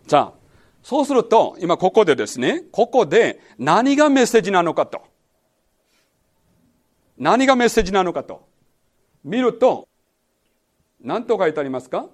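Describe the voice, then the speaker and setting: A man leads a sermon-style Bible study in a high voice with a lot of rise and fall. He keeps questioning his listeners and hammers home key words by repeating them. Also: sing-song, moderate pace, long pauses. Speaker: pastor teaching a Bible study.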